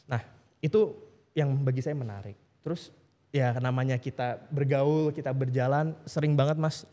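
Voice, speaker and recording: A man, a podcast guest telling stories in a relaxed, slangy, informal way. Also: medium pitch, normal speed, in a large hall. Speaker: guest, founder of a legal aid group for small businesses. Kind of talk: casual podcast conversation.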